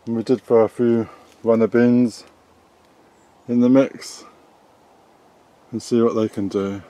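A middle-aged man with a British accent strolls through his polytunnel and chats about what is growing there. He talks slowly and stays relaxed, in a mellow, darker tone. The camera he films with as he walks picks up his voice. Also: medium pitch. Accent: British English. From England. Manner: relaxed, chatty, unhurried. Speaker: allotment gardening vlogger. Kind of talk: casual garden tour narration. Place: inside a polytunnel on an allotment. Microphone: handheld camera filming as he walks.

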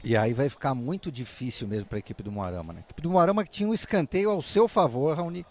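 A man's voice: medium pitch, animated, quick pace. A Brazilian man analysing a futsal match conversationally, often adding short tag questions. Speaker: sports analyst. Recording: faint arena noise behind.

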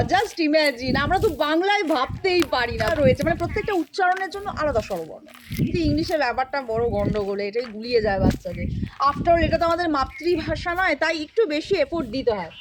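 A woman with a high, clear voice gives a patient lesson on English spelling to children. She talks straight to her students and checks that they follow. Faint noise sits behind her home recording. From India. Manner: patient, addresses students directly. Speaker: teacher.

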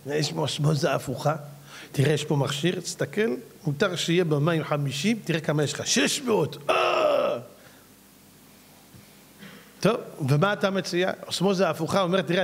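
A middle-aged man, a rabbi, telling a story in a sermon and acting out both sides of a conversation. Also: fairly high pitch. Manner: acts out both sides of a dialogue with a salesman.

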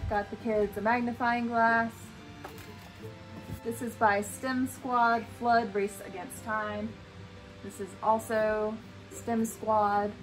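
Indoors at home, in a room with a bookshelf, a woman in her thirties explains things and holds items up to the camera for her family homeschooling vlog. She speaks casually in a mid-range voice, with poor audio and music playing behind her.

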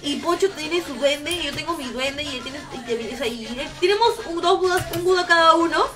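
A woman's voice: high-pitched, fairly quick, over music. A young woman streaming a game live, chatting with viewers, shrieking and swearing as she plays. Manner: excitable, shrieks and swears while playing.

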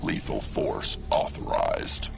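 An actor voicing a cold prison security robot in a video game, with a robotic machine-voice effect and flat, clipped announcements of its systems coming online. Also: male voice, slow pace, over music. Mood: cold, mechanical.

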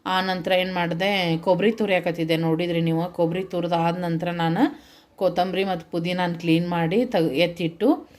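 A woman's voice: on the low side, steady tone, normal speed, darkish tone. A middle-aged woman with a North Karnataka Kannada accent, vlogging and telling her viewers what happened in an earnest, heartfelt way. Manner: earnest, heartfelt retelling, addresses viewers directly. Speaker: vlogger and home food seller. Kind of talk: casual vlog narration to viewers.

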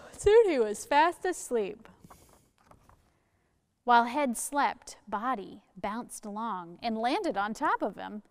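A woman leading a children's sermon in a church, reading a picture book aloud slowly and expressively. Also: fairly high pitch, long reverb tail. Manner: slow, expressive storytelling. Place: church sanctuary.

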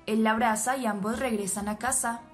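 A woman's voice: on the high side, brisk. A woman steadily narrating an episode recap, reading the characters' lines plainly. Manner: steady storytelling, reads quotes plainly. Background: faint background music.

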